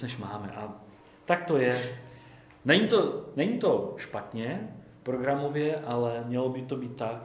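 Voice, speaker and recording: Conversational preacher man in echoey room. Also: mid-range voice. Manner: conversational, often adds "jo?". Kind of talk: sermon.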